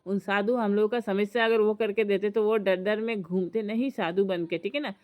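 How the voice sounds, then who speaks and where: A woman's voice: mid-range voice, fairly even intonation, normal speed. A woman from Assam telling a story and giving earnest advice in a chatty vlog. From Assam, India. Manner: chatty, retells dialogue, gives earnest advice. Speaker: vlogger. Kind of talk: casual storytelling to camera.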